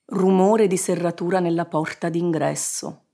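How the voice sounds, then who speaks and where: A woman narrating a children's story in an expressive, measured reading. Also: fairly low pitch. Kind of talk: scripted narration.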